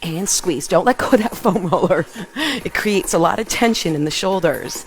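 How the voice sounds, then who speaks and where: With music behind her in an open living room at home, a middle-aged aerobics instructor works out while calling short, punchy, encouraging cues. Her voice is on the low side and expressive, and she keeps a moderate pace.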